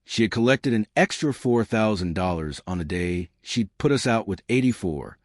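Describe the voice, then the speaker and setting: A man with a low voice tells a first-person story, his delivery measured and dramatic. His intonation rises and falls widely, giving the narration plenty of life. The sound is dry and close, with no room around it. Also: animated, no echo.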